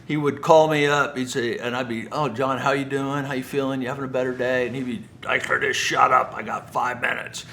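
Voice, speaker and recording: Folksy business storytelling comes from a middle-aged man who builds homes and often performs the dialogue he quotes. He talks fairly quickly with few pauses, in a gravelly, sharp medium-pitched voice with little pitch movement, over a little hiss or hum.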